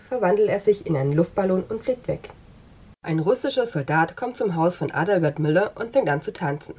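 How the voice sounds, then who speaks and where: A woman narrating an absurdist short story in an even, matter-of-fact reading. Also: on the low side, breathy edge.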